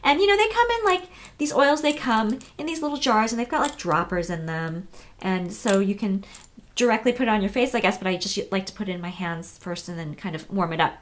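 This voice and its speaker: A woman in her thirties from the United States, chatting casually through a beauty tutorial with lots of fillers and quick self-corrections. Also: medium pitch, lively intonation. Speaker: beauty vlogger.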